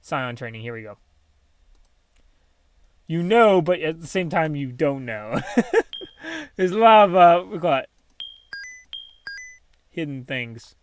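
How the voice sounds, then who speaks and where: A man's voice: a little high, expressive, takes it slowly, pauses often, smooth. A man casually commentating his own game play, thinking aloud with many ums and small laughs. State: has the hiccups. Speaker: gaming channel host.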